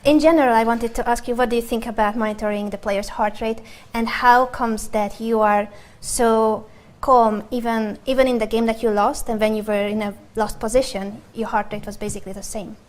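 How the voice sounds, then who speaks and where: Woman interviewer, kinda high voice, earnest and careful with her questions. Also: steady tone, a little fast.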